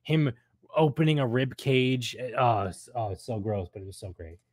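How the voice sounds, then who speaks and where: In a dry, studio-quality recording, a man with a mid-range voice and lively intonation speaks at a moderate pace. He hosts a casual discussion of a radio drama episode, hesitating as he gropes for words.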